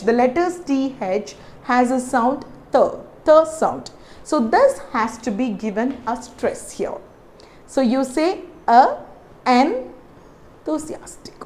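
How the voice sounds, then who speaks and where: A woman with a South Indian English accent teaching English pronunciation, repeating words slowly to demonstrate them. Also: a little high, a little mellow. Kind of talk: spoken English lesson.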